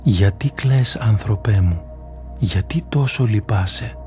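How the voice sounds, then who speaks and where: A man voicing a kind male divine figure who speaks gently and consolingly. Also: fairly low pitch, soft background music, lightly acted.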